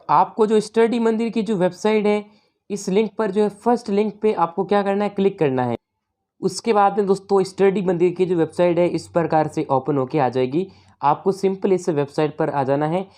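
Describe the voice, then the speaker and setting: A woman tutor who works through an exam paper in a chatty way, keeps turning to her viewers and reads the English lines out slowly. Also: fairly low pitch, dark tone. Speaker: online tutor.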